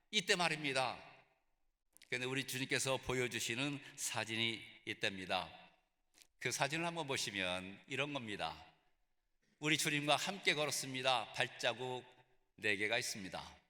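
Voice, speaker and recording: A man's voice: mid-range voice, bright, forceful tone. A man preaching a sermon at a graduation ceremony, telling stories earnestly. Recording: reverberant hall.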